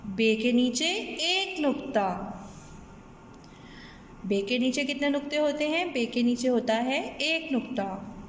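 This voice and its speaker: Woman teacher, slow patient delivery, somewhat high voice, reverberant room, faint background noise. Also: expressive. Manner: patient, often checks in, asks the class questions. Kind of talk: slow, clear teaching for young children.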